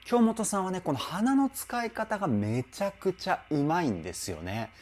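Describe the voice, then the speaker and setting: A man's voice: high-pitched, sing-song, moderate pace, background noise. A man hosting a channel as a vocal trainer, breaking down singing in a reaction video with keen, explanatory enthusiasm. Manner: enthusiastic, explanatory, often exclaims how cool it is.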